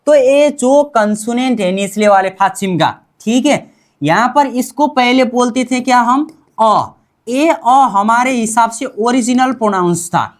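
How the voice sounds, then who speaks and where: A woman teaching a language class, repeating sounds and asking and answering her own questions. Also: a little high. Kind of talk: classroom-style language lesson.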